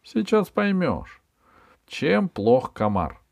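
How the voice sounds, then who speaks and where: A man's voice: a little high, wildly swooping pitch, slow, gravelly, voice pushed up, full character voice. A man doing a cocky young scientist. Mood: excited. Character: boastful young male biologist, impatient and sure of himself.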